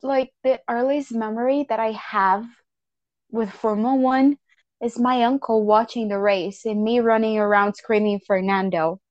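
A woman co-hosting a podcast, chatting in an animated, playful way. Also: fairly high pitch, no echo, highs cut off. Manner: animated, playful, quick laughs. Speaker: podcast co-host. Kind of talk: casual chat.

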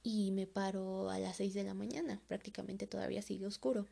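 A woman's voice: medium pitch, level tone, fairly quick, vocal fry, mellow, husky. A woman telling a personal horror story in a loose, conversational way, full of fillers.

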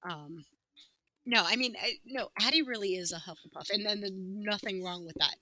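Giggly bright-voiced woman podcast host. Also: mid-range voice, no room sound, low-quality recording. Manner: giggly, playful, quick to laugh. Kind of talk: casual chat.

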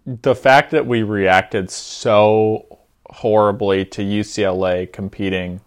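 A man's voice: lowish voice, steady tone, slow pace. A young man co-hosting a podcast, talking through college football rankings in a thoughtful, hedging way, often restarting his sentences. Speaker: podcast co-host. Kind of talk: casual sports betting chat.

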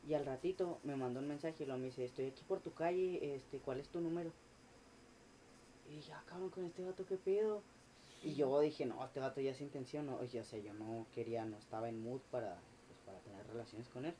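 A man, a podcast guest telling a story in animated, slangy, swearing casual chat. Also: mid-range voice, fairly quick, a little hiss or hum.

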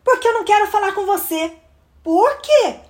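A woman's voice: extremely high pitch, big pitch swings, measured pace, pitched above the performer's own voice, exaggerated voice. A woman voicing an irritated, bossy teenage older sister in a storybook reading, snappy and dismissive. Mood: annoyed.

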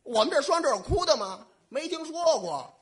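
A man playing the straight man in stage crosstalk comedy, firing back quick, exasperated retorts. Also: very high-pitched, sing-song.

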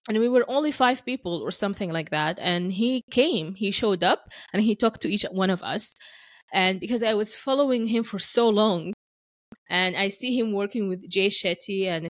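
A woman's voice: mid-range voice, moderate pace, no room sound. A woman from Sudan chatting casually as the host of a podcast. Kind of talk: casual chat.

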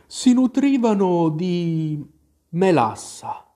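A man doing a drowsy, hoarse dormouse. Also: high voice, expressive, mellow, pitched above the performer's own voice, heavily acted. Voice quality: hoarse, faint. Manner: drawn-out, drowsy speech. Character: sleepy male dormouse, slow and grumpy.

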